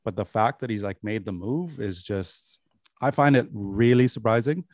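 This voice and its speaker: A man chatting about soccer on a podcast, slangy and animated. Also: on the low side, moderate pace, dry recording, studio quality. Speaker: podcast co-host. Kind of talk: casual sports chat.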